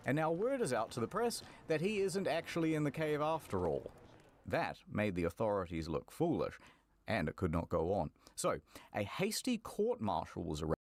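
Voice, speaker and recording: A man's voice: lowish voice, wildly swooping pitch, moderate pace. A man narrating a scripted documentary story in a wry storytelling manner.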